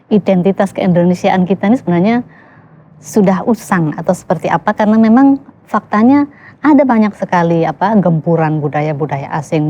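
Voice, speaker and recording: A woman's voice: sits low, mellow. A woman hosting a podcast interview, asking questions and affirming her guest often. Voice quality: affirming, quick back-channel. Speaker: podcast host.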